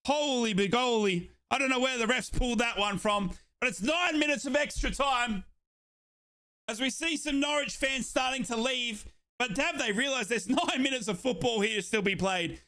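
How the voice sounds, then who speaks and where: Shouting and repeating himself on a watchalong stream, a young Australian man delivers excited live football commentary at a moderate pace. His very high-pitched voice is turning hoarse.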